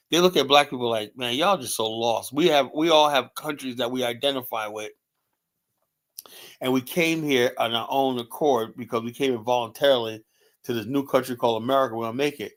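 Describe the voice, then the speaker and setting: With a mid-range, slightly bright voice, this streamer host delivers heated political commentary. He's blunt and repeats himself, fills gaps with "you know," and mocks others by imitating them in put-on voices.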